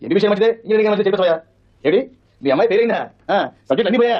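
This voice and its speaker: A man performing a comic sketch, talking rapidly and answering his own questions. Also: high-pitched, animated, lo-fi sound. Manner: rapid, talks over others.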